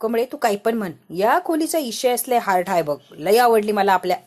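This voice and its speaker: A woman's voice: mid-range voice, animated, normal speed, a little mellow, close to an everyday voice. A woman voicing a chatty village girl who gushes in rustic exclamations at a fancy room. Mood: amazed, gushing. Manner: rustic dialect exclamations, gushing. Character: excited village girl, wide-eyed, chatty.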